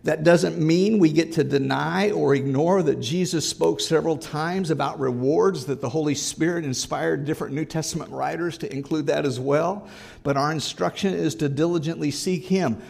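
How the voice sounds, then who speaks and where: A man's voice: fairly high pitch, normal speed, creaky, darkish tone. A male pastor preaching a sermon, earnest and emphatic, repeating his exhortations.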